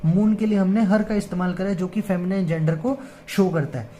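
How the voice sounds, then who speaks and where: A woman grammar teacher explains an English lesson in Hindi, calm and patient, often saying "ठीक है" and "है ना" and reading English lines slowly word by word. Her voice is mellow and mid-range, with a little hiss or hum.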